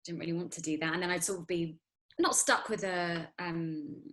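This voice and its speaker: A woman in her thirties with a low-pitched voice chats casually as an interview guest. She rambles, restarting sentences and filling pauses with ums. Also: fairly bright tone, low-quality recording. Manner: chatty, rambling, many fillers and restarts. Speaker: guest actress.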